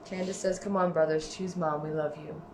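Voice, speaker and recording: A woman with a lowish voice reads stream messages aloud in a flat, steady way. The room echoes and faint noise sits behind her. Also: fairly quick. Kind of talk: reading chat messages aloud.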